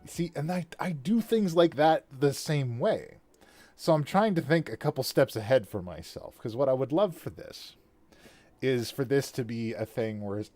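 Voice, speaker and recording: A man hosting a casual chat about building a fantasy world, talking in a lively way with frequent laughs and restarts. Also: lowish voice. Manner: animated, laughs often, trailing restarts. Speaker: podcast host and worldbuilder.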